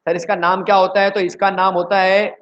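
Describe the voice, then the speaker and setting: A man from India teaching chemistry in an energetic online exam-prep lecture, who keeps quizzing his students. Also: sits high, brisk, lo-fi sound, slight background noise.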